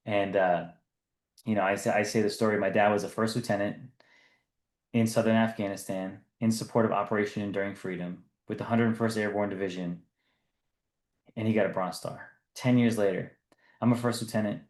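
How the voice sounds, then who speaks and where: Earnest thirties male founder, slightly low voice, echoey room. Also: fairly even intonation, fairly quick, a little mellow. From US East Coast. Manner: earnest, repeats words when restarting. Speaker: business founder guest. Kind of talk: conversational podcast interview.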